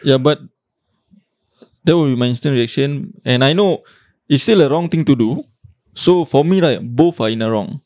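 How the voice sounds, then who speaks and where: A man talks in casual Malaysian-Singaporean English, mixing in Malay slang and swearing freely. The sound is close and dry, with a middling pitch, like a podcast co-host arguing among friends. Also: moderate pace, pauses often, a little mellow, no room sound.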